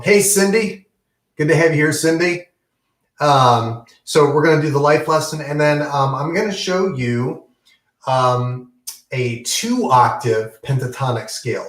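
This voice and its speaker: A man's voice: medium pitch, echoey room. A man teaching an online guitar lesson in a casual, encouraging way, with many ums and okays. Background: guitar playing.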